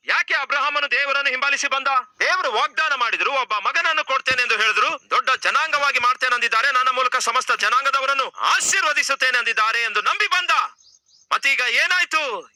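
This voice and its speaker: A man preaching with a high, very bright and forceful voice. He is dramatic, acting out the people in his story with wide swings of pitch, then leads a prayer. It sounds close and dry. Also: no room sound, rough recording. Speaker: pastor. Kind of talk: sermon and closing prayer.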